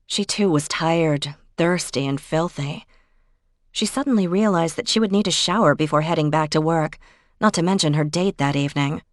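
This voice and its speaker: A woman audiobook narrator reading a cozy mystery novel in a measured storytelling manner. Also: sits low, dry recording, studio quality.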